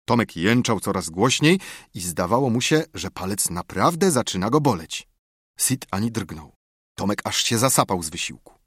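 A man reads a storybook aloud in a lively, rising-and-falling voice with a husky edge. The recording is close and dry, with no room sound. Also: fairly low pitch, moderate pace, no room sound. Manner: expressive storytelling. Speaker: audiobook narrator. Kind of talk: scripted narration.

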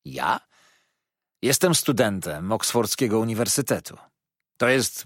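A man voicing an elegant, nonchalant young male student in an audiobook reading, offhand and a bit condescending, with a husky voice. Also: fairly low pitch, fairly bright tone, no room sound, studio quality, exaggerated voice.

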